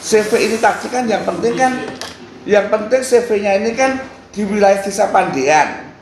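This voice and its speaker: Halting man in echoey room. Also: high voice, lively intonation. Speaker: speaker at a council hearing. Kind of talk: spontaneous public address. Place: council meeting room. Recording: echoey room with faint background noise.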